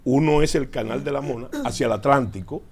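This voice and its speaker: A man's voice: medium pitch, brisk, vocal fry, darkish tone, slightly rough. An older man with a Dominican Caribbean Spanish accent giving political and military commentary, teaching emphatically with repeated phrases and rhetorical questions. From Dominican Republic. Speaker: military analyst, studio guest.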